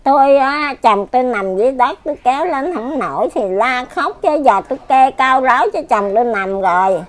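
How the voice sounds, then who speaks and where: A woman's voice: sits high, expressive, moderate pace. An older woman with a Southern Vietnamese accent, rambling and repeating herself as she complains about her life. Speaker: elderly widow being interviewed. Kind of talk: casual chat.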